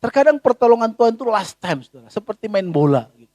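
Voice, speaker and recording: Brief: male pastor, very high voice, lively sermon, dry close sound. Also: fast, dry recording. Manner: animated, rhetorical questions, colloquial.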